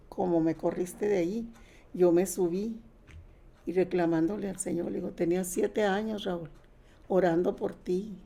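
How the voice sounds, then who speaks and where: An older woman recounts her own testimony in a relaxed, conversational way. Her voice is mellow and gravelly, and she slips into the quoted words of others as she tells it. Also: on the low side. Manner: plain conversational retelling with quoted dialogue. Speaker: guest sharing testimony. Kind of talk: personal testimony.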